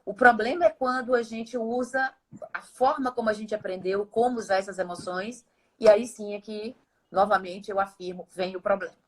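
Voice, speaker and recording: Woman, guest expert, steady didactic explainer. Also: mid-range voice, normal speed, rough recording. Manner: steady, didactic, with frequent tag questions. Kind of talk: explanatory conversation.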